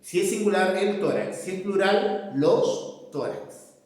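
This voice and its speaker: A man's voice: high-pitched, normal speed. A man explaining a grammar lesson step by step, often checking in with his students. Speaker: teacher. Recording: echoey room, voice far from mic.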